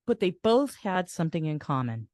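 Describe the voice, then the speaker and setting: Soft reflective older woman storyteller. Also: on the low side, big pitch swings, moderate pace, no room sound, clean studio sound. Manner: reflective, soft-spoken with frequent laughs and restarts. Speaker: podcast host and caregiver. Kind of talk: personal storytelling.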